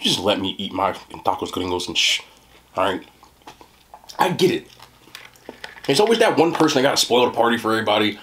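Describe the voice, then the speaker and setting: A man's voice: on the low side, sing-song, brisk, long pauses, a bit bright, a little hiss or hum. A young man doing a mukbang eating chat, joking in slang and talking while he chews. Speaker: food reviewer.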